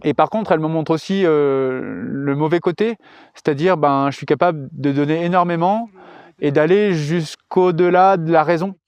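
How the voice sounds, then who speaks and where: A young man, a mountaineer, speaking in a thoughtful, measured way with frequent hesitations in a documentary interview. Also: on the high side, darkish tone, clear, resonant tone, no echo. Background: music.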